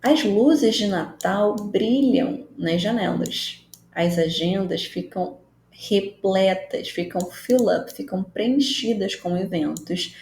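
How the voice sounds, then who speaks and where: A woman's voice: mid-range voice, slow pace, darkish tone. A woman, an English teacher giving an online language lesson, patient and explanatory, repeating key phrases to explain them. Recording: roomy echo, faint background noise.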